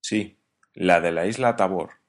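A man reading an audiobook, voicing a hot-tempered sailor who talks loud and blunt. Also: sits low, a little slow. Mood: eager.

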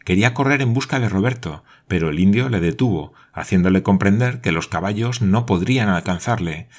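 A man narrating an adventure novel in a steady, measured audiobook reading. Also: low voice.

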